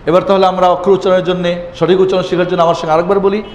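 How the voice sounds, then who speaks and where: A man, leading a Quran lesson. He chants the Arabic letter names loudly so his listeners can repeat them. His voice rings around a reverberant hall over faint background ambience. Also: high voice, level tone, racing, lo-fi sound, slight background noise. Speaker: Quran teacher.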